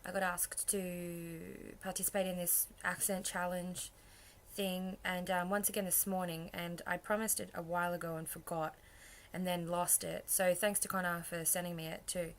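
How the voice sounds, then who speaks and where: A woman's voice: fairly low pitch, flat delivery, normal speed. A young woman with an Australian accent, chatting casually in a rambling, self-deprecating way. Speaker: vlogger. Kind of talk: casual chat.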